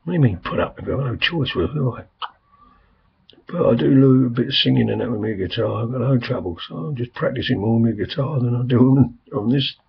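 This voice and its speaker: An older man, hoarse and coughing, rambling chattily with lots of fillers in a casual video message from a quiet room at home. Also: medium pitch, fast, a little hiss or hum. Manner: rambling, chatty, frequent "I mean" and "um". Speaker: vlogger. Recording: dull lo-fi home recording.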